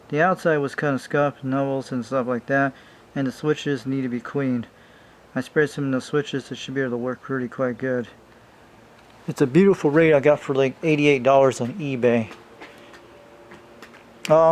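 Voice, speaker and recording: A hobbyist with a mid-range, slightly mellow voice walks his viewers through a vintage CB radio, rambling informally and saying "you guys." It's a noisy amateur home recording.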